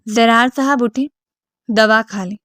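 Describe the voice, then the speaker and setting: A devoted young woman pleads softly in a storybook reading, a woman acting her out. Her voice is slightly high and dry. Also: no room sound, natural voice. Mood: pleading. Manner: pleading, soft. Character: young woman, twenty-one, devoted and tearful.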